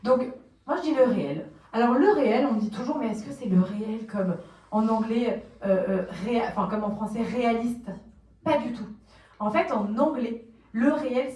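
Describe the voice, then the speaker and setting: A French woman giving a lively conference talk, explaining plainly, asking the audience questions and acting out quotes. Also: on the high side. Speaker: conference speaker on social media marketing. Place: conference room, recorded from a distance. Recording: roomy, distant conference recording.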